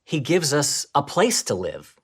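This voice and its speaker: A woman co-presenting a scripted children's church lesson, telling the story expressively, swinging between excited and hushed. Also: low-pitched, a little slow, breathy edge.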